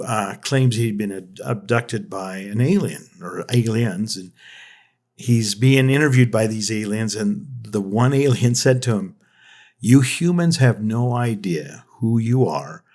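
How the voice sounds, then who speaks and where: A man's voice: on the low side, moderate pace, darkish tone. A man hosting a podcast, talking in a reflective, rambling way with frequent restarts. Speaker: podcast host. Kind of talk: casual conversation.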